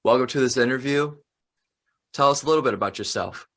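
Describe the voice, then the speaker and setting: A man's voice: mid-range voice, fairly quick, a bit bright. A young man hosting an interview, friendly and hesitant with fillers. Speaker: host. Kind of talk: casual interview.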